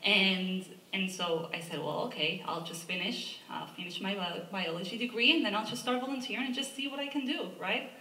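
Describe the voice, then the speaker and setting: Brisk and barely pausing, a medium-pitched, sharp-toned Argentine woman with an Argentine Spanish accent gives an earnest panel statement on her work as an environmental advocacy director, with frequent "right?" asides. The museum lecture hall echoes, the mic is distant, and there's slight background noise.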